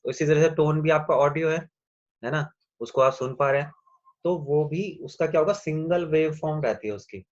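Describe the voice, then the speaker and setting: A man teaching a class over a video call, explaining slowly and answering his own questions. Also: on the high side, darkish tone, lo-fi sound. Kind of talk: online class lecture.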